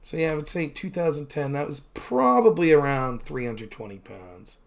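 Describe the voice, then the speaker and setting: A man's voice: on the high side, expressive, normal speed, creaky. A man in his thirties, chatting candidly on his own stream, rambling with many fillers and poking fun at himself. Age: 30s. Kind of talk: casual solo stream chat.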